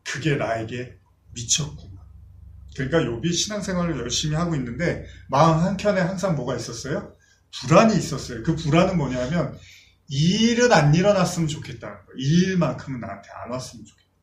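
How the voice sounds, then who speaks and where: A man preaching in a church, his voice sitting a little high for a man and echoing around a roomy hall. He talks with the congregation in a plain, conversational way and slips into the voices of the people he quotes. A faint hiss sits under the recording. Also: sing-song, fast. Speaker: pastor. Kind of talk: sermon.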